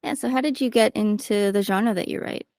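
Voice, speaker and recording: A woman's voice: mid-range voice, a little fast, a little mellow, no echo. A woman hosting a podcast, chatting casually and leaning on fillers as she talks. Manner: chatty, uses many fillers. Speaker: podcast host and writing coach.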